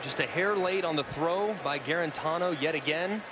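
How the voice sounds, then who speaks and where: A man's voice: a little high, moderate pace. A man giving explanatory football analysis as a color commentator, thinking through plays from the inside. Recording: loud stadium noise behind.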